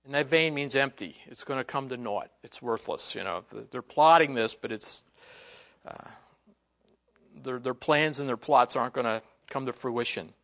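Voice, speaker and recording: A man's voice: mid-range voice, normal speed, fairly bright tone. A male pastor preaching a sermon that explains scripture verse by verse, in a conversational, folksy way with frequent "you know" fillers. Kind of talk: expository sermon.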